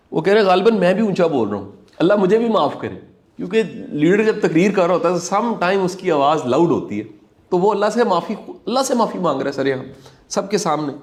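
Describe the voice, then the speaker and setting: A man giving earnest, preachy commentary on a talk show. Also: high voice.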